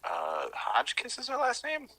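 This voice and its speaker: A man's voice: extremely high pitch, wildly swooping pitch, measured pace, bright, forceful tone, dry recording. A man calling in on speakerphone, a tattoo artist chatting casually, laughing and swearing freely. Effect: on speakerphone over a phone call. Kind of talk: casual phone chat.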